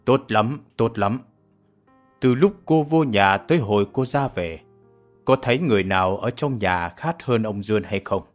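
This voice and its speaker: A man playing a stern colonial-era prosecutor who questions a suspect slowly and deliberately. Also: on the low side, lively intonation, soft background music, close to an everyday voice. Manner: slow, deliberate, accusing.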